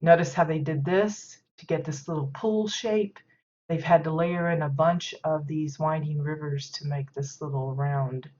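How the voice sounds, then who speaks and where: Woman host, deep-pitched, congested, chatty stream commentary full of fillers. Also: steady tone, a little slow, a little mellow. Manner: rambling, many fillers and restarts. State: stuffy nose from sneezing. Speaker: game stream host giving housing tours. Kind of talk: casual live-stream commentary. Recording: dull lo-fi stream audio.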